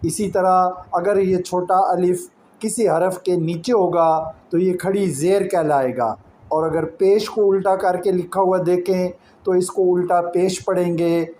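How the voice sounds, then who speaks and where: A man's voice: high-pitched, fairly even intonation, unhurried, dark tone. A man with a Pakistani Urdu accent teaching Quranic Arabic script, explaining each point patiently with examples. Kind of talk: slow explanatory lesson. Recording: echoey room with faint ambient noise.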